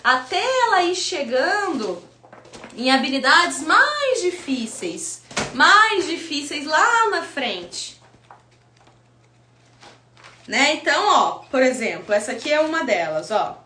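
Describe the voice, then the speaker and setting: Brazilian woman literacy teacher, bright and high voice, emphatic; roomy echo. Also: big pitch swings, slow pace, a little hiss or hum. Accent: Brazilian Portuguese. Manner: emphatic, rhetorical questions, sounds out letters. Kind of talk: teaching video talk.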